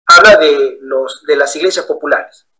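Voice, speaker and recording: Bright, high-voiced male preacher. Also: moderate pace, poor audio. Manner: animated storyteller acting out quoted voices. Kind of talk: sermon-style Bible study with storytelling.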